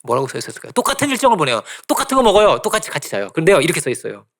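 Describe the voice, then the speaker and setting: A middle-aged man preaching a sermon as pastor, animated, often checking in with the congregation and acting out quoted voices. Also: a little high, very fast. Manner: animated preaching with frequent tag questions to the congregation. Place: church sanctuary.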